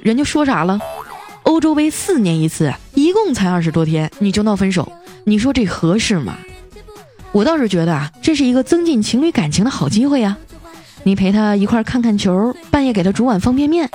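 Young woman host, animated comic storyteller, middle pitch. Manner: playful, punchline-driven delivery. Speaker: comedy podcast host.

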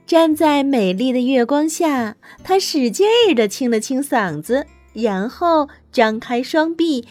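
Woman storyteller, bedtime story, soothing and motherly, bright high voice, lively sing-song, slow, soft music behind. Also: no echo. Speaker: children's storyteller.

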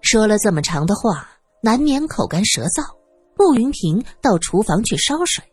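A woman tells an audiobook story, with a lively, swooping delivery and a husky, breathy tone. The sound is dry and close, with faint music running beneath her. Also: medium pitch, normal speed, no echo. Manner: expressive, dramatic storyteller. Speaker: audiobook narrator. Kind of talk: storytelling narration.

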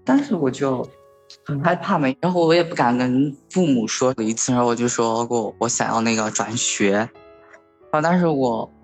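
A sixteen-year-old boy telling a personal story in a hesitant, halting way, with many fillers. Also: mid-range voice, slightly rough, soft background music. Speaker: story guest.

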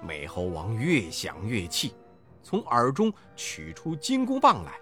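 A man narrating a classic children's story in an expressive, sing-song way. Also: on the low side, a little slow, soft background music.

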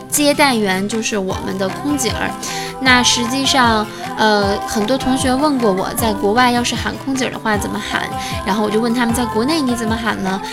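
Brief: woman English tutor, fairly high voice, patient explainer, music bed underneath. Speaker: English teacher. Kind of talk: casual spoken lesson.

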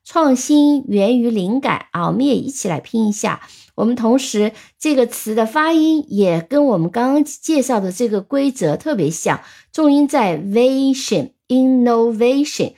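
A woman teaching English vocabulary in a patient, step-by-step way, slowly repeating example sentences and spelling words out letter by letter. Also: fairly high pitch, animated, creaky, darkish tone. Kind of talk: vocabulary lesson.

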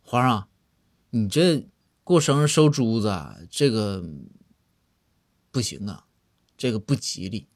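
Sly judge, soft, deliberate, persuasive, as a man puts him on. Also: mid-range voice, expressive, dry recording, studio quality. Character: sly, earnest male judge with wordplay.

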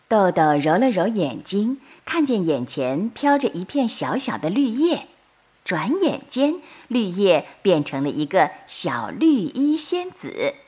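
A woman storyteller narrating a bedtime story for children in a slow, soothing manner. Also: mid-range voice, slightly rough. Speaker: storyteller host.

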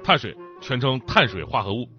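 A stand-up host's sing-song, mid-range voice, pushed and bright and a little fast, jokes and laughs through a chatty monologue. He sounds thick-tongued from a mouth ulcer, recorded in dull lo-fi with faint music behind.

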